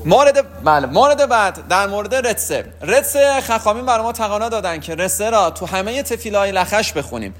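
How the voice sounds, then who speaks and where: Man, high-pitched voice, religious teacher, explanatory, hesitant pauses. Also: expressive, fairly bright tone. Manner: explanatory, asks and answers his own questions, frequent hesitations. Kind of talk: spoken lesson on prayer rules.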